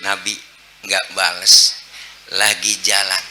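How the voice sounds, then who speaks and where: A male preacher with a Betawi accent delivers a comic sermon in a joking, animated way. His voice is strikingly bright and cutting. A faint hiss sits behind him. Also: takes it slowly. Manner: joking, animated storyteller who jumps into high voices.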